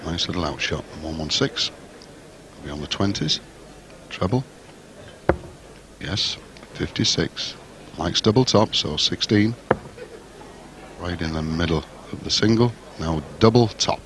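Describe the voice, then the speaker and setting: A man's voice: deep voice, lively intonation, unhurried, pauses often. A man giving live television darts commentary in short, clipped phrases. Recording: crowd roar and noise behind commentary. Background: darts arena crowd.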